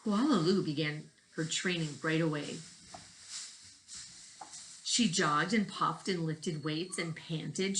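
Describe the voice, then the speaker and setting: Reading a storybook to young children, a woman teacher puts expression into it, stresses important words and poses questions to her listeners. Her voice is lowish with a fairly bright tone, and the recording quality is low.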